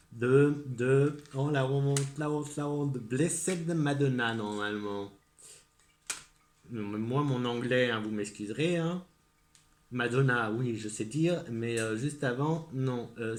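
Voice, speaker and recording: A man with a French accent talks casually to his viewers, stumbling through fillers and restarts. He turns eager when he praises things he likes, and his voice sits at an ordinary middle pitch. The room around him is echoey. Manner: hesitant, full of fillers and restarts; enthusiastic, repeats praise. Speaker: vlogger presenting gift ideas. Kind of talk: casual chat to camera.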